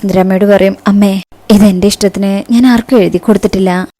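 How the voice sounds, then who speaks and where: A woman's voice: medium pitch, fairly even intonation, a little fast, dark tone. A woman casually retelling a TV serial episode scene by scene, quoting each character's lines in turn. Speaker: TV serial recap narrator.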